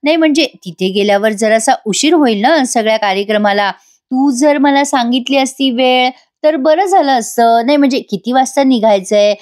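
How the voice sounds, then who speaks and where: A woman's voice: high-pitched, moderate pace, darkish tone, dry recording, clean studio sound, natural voice. A woman voicing a young husband from a TV serial, sweet-talking and pleading with his wife. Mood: coaxing. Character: young husband, coaxing then baffled.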